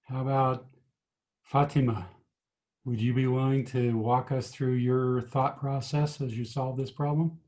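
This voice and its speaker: A man's voice: mid-range voice, level tone, unhurried, a little mellow. A man tutoring physics over a video call, patiently explaining each step and asking his students questions. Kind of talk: online tutoring lesson.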